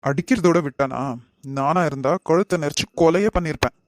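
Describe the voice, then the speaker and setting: A man voicing a caring, lecturing uncle in an animated family drama, with a Kanyakumari Tamil accent. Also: fairly high pitch, a little fast, no echo, studio quality, close to an everyday voice. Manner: lecturing, earnest. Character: caring uncle figure, earnest and protective.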